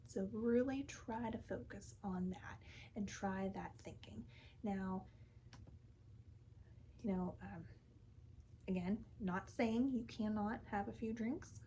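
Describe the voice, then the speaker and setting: A woman in an ASMR role-play as a calm, soothing counselor, speaking softly and often in a breathy soft voice, gently reassuring in short repeated phrases. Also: medium pitch, slight background noise, rough recording. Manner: calm, soothing therapist manner.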